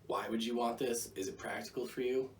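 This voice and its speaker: An American gear reviewer gives a rambling, casual product review to camera, full of jokey asides. His medium-pitched, slightly mellow voice is fairly quick with fairly even intonation, recorded on a distant mic with faint background noise.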